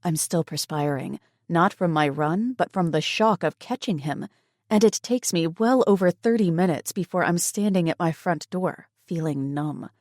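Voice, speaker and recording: A woman with a fairly low voice reads a first-person romance audiobook in steady, measured storytelling. She is recorded close on a studio mic in a dry, dead room. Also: no echo. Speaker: audiobook narrator.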